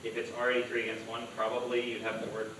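Fast flat student, far off. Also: male voice, medium pitch, background noise. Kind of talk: classroom comment. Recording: distant voice in echoey room.

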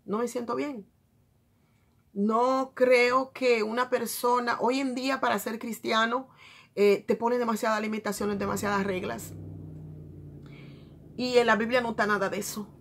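A woman vlogger talks to her viewers in a chatty, confiding tone and keeps calling them "bellas". Her voice has a gravelly edge and a husky grain. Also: fairly high pitch, fairly even intonation, moderate pace. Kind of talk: casual confiding vlog chat.

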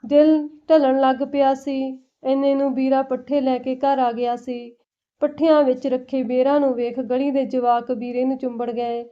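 A woman narrating a family story in a steady, plain telling. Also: sits high, moderate pace. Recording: dull lo-fi recording.

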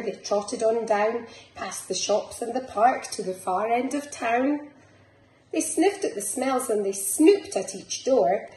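A middle-aged Scottish woman with a warm, medium-pitched voice reads a picture book to young children in a small indoor living room. Like a nursery teacher, she is expressive, rhythmic and sing-song. The recording has a roomy echo and faint background noise.

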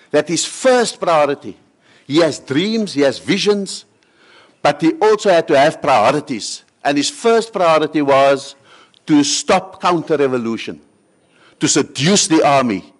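Middle-aged man from South Africa, panel speaker, deliberate cadence, slightly high pitch. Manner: measured, rhetorical, with repeated phrases. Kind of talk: conference panel answer. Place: conference hall on stage. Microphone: table microphone.

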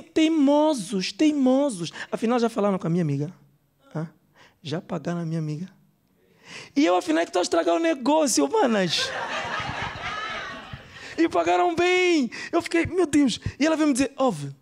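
A stand-up comedian does a character bit at a comedy club, a man voicing a brash, gossipy Angolan woman in an Angolan Portuguese accent. He goes very high with vocal fry at a normal speed, pausing often and fully committing to the character voice. It's chatty, animated storytelling in a chatty mood.

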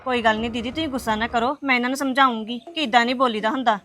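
A woman's voice: on the high side, fairly even intonation, rapid-fire, fairly bright tone, lightly acted. A woman plays a young wife who soothes and placates her upset relatives. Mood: placating. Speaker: daughter-in-law. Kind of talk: family web series acting.

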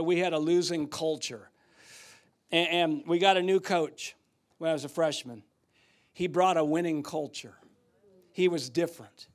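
An older man preaching a sermon in a church, telling stories and swinging from loud outbursts to hushed asides. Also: high-pitched. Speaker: guest preacher. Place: church sanctuary.

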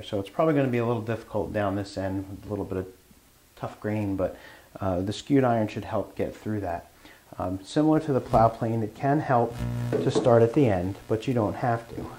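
A woodworking show host explains things plainly in a fairly low, slightly mellow voice as he works with hand tools in his shop. It's a hands-on tool demonstration where he talks as he goes, and the recording quality is low.

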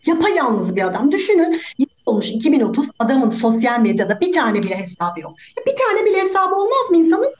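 A woman's voice: high-pitched, sing-song, fast talker, hardly any pauses. A woman playing a sympathetic juror, pleading earnestly over a video call. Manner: pleading, emphatic. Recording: roomy, dull video-call audio.

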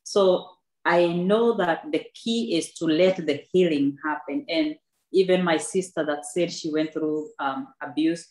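Her low-pitched voice is unhurried and slightly mellow, heard on a reverberant, low-quality recording from an indoor room with a backdrop. She is an author and guest in her thirties giving a personal testimony at a book club talk, reflective, earnest and full of faith, frequently starting sentences over.

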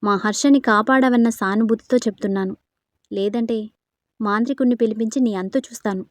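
A woman voicing a feisty, sharp-tongued young woman who talks in quick exclamations in a storybook. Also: fairly high pitch, no room sound, natural voice. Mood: frightened sassy.

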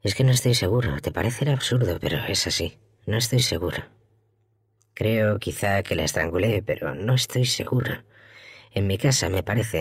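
Man voicing a troubled actor in an audiobook, calm and confused, halting musing delivery, very deep voice. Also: no room sound, clean studio sound. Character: troubled male actor, calm, confused about his own guilt.

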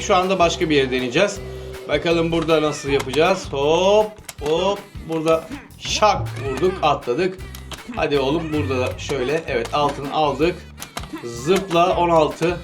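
A man hosting a gaming channel, giving casual gameplay commentary, coaching eagerly with quick cheering commands and laughing often. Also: fairly high pitch. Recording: game music playing loudly behind.

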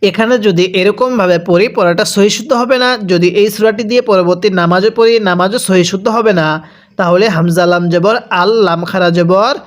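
A man teaching Quran reading, spelling out letters and vowel marks, and drawing out recited words slowly between brisk explanations. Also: sits high.

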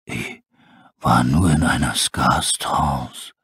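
Man voicing a faint, gasping old wolf, very deep and whispery, storybook. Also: takes it slowly, fairly bright tone, slightly rough, no echo, heavily acted. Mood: weak, delirious. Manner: weak, gasping and breathless. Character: starving delirious old male wolf.

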